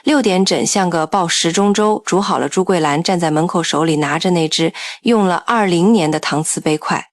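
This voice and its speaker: A woman narrating a scripted audiobook story in a steady, even storytelling manner. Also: lowish voice, normal speed, hardly any pauses, dry recording, studio quality.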